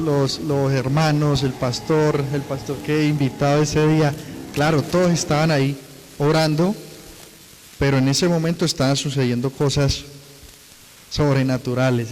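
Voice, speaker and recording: A man's voice: on the high side, steady tone, moderate pace, darkish tone, in a large hall, rough recording. A man giving a personal church testimony, telling it earnestly with many repetitions.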